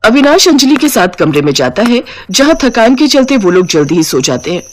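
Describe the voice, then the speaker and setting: A woman's voice: on the high side, sing-song, brisk. Woman narrating a cartoon moral story.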